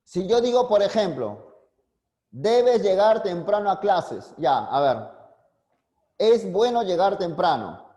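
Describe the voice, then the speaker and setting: A man's voice: high voice, very animated, takes it slowly, mellow, highs cut off. A man teaching a philosophy class online, constantly quizzing his students and coaxing answers from them. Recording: long reverb, echoey room.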